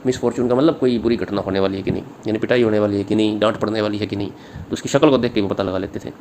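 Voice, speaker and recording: A male teacher giving an exam-prep literature lecture, reading English lines slowly, then explaining them in Hindi. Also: on the low side, steady tone, a little mellow. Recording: faint background noise.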